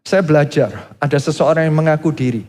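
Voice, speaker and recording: A man's voice: a little high, brisk, a little mellow. A middle-aged Indonesian pastor preaching a sermon, telling stories animatedly and acting out the voices of the people he quotes. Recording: reverberant church hall with faint music.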